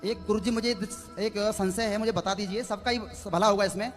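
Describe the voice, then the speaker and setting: Brief: earnest male devotee, very high voice, hall reverb, faint music. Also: steady tone, moderate pace. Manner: earnest, inquisitive, speaks respectfully. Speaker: devotee asking questions. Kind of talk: questions at a religious gathering.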